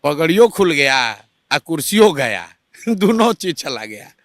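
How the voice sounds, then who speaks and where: जोशीले बिहारी लहजे वाला आदमी. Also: male voice, on the high side, very animated, unhurried, fairly bright tone, dry recording, clean studio sound. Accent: Bihari Hindi. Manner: emphatic, rhetorical, quotes others in mock dialogue. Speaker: party spokesman interviewed. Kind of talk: animated political argument. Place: Patna, Bihar.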